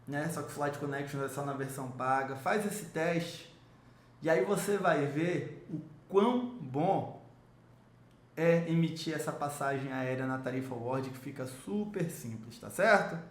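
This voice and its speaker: Man, upbeat sales pitch, slightly higher voice, roomy echo. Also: measured pace. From Salvador, Brazil. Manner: enthusiastic salesy pitch, addresses viewer directly. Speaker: miles and travel rewards coach. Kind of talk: promotional explainer video.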